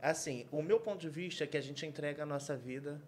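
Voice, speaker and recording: A man taking part in a podcast chat, asking a guest animated, joking questions. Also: a little high, fast, slight background noise.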